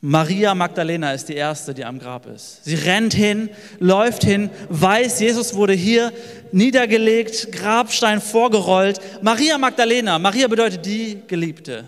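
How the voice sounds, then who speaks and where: A man's voice: high voice, a little slow. A man preaching a sermon with emphasis, repeating phrases and building long lists. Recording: long hall reverb with soft music.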